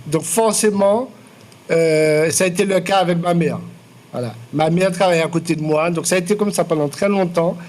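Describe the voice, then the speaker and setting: Hesitant Martinican man, higher voice. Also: darkish tone. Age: 40s. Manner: measured, many fillers and restarts. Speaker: artist interviewed. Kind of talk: public interview, hesitant and reflective. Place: lecture room.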